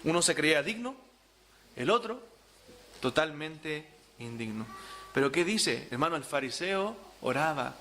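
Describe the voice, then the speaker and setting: A pastor preaches with a high, piercing voice. He repeats key words for emphasis and keeps asking his listeners questions. Faint hiss sits behind him. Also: very animated, unhurried, pauses often, pushed and bright. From Chile. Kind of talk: sermon.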